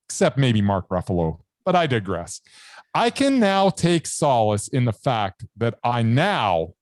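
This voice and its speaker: Animated man griping dramatically. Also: mid-range voice, no echo, clean studio sound. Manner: dramatic, exaggerated complaining. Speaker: podcast co-host. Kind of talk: casual film review chat. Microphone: studio mic.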